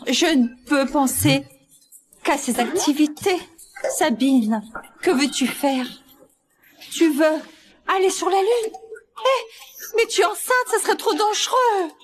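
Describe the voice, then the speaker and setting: A doting, wealthy grandmother for a dubbed drama, with a fairly high voice. She fusses effusively and bosses her family around with loving insistence. There is slight noise on the recording. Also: slow, pauses often. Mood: eager, indulgent. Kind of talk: dubbed short-drama acting.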